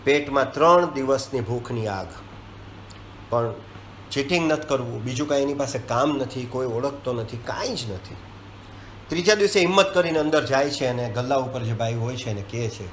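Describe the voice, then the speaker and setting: A man reviewing a film, retelling its scenes in casual talk and acting out the lines. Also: mid-range voice. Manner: animated storytelling, acting out dialogue lines. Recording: echoey room with faint ambient hiss.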